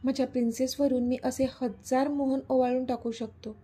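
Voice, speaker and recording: A woman's voice: high-pitched, flat delivery, moderate pace, slightly rough. A woman voicing an angry, desperate young man searching for his missing sister in an audio story. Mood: despairing. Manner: angry, forceful.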